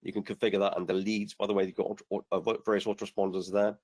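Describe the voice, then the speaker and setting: Over a video call, a product demonstrator on a webinar screen-shares a software demo. His lowish voice is slightly hoarse and racing, yet he explains in a relaxed, patient way, full of "uh," "um," and restarted sentences.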